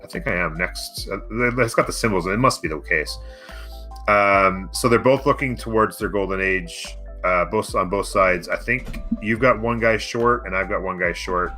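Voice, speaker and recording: A man with a deep voice co-casts a strategy game match, giving casual live commentary and thinking aloud as he explains. He speaks at a moderate pace in a pushed, bright way, with soft music playing behind him.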